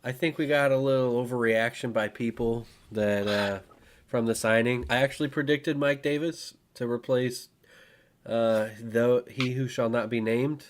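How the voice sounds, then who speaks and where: A man co-hosting a sports podcast, speaking in a flat, deadpan way. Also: medium pitch, normal speed. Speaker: podcast co-host. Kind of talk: casual sports chat.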